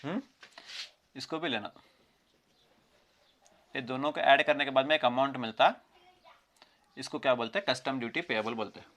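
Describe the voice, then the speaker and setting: A man's voice: medium pitch, a bit bright. A male commerce teacher with a Kannada-region Indian accent lectures, repeating key terms, quizzing his students, and mixing Hindi with English terms. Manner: mixes Hindi with English terms, reads problems slowly. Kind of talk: classroom lecture.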